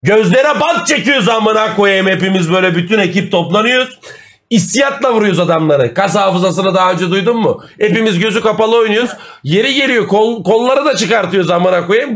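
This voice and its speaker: Young guy streamer, kinda high voice, swears nonstop, joking around on a live stream. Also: a little fast, gravelly, a bit bright. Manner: crude, joking, swears a lot, reads donations aloud. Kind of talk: casual live-stream chat.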